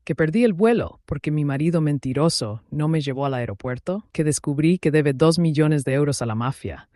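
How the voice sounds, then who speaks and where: Man, story narration, calm and even, fairly high voice, dry sound. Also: normal speed, no room sound. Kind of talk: first-person story narration.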